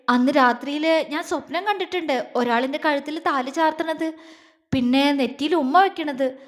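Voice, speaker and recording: A woman's voice: sits high, fairly bright tone, in a large hall. A woman voicing a young wife in a romance story, confiding her feelings in a tearful, heartfelt way.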